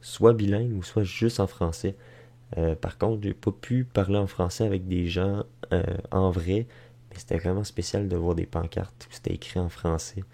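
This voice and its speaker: Low and steady, this man's warm voice moves at an ordinary pace. He speaks with a Quebec French accent, narrating an informal travel vlog in a loose, unscripted, hesitant manner. The audio is amateur and noisy.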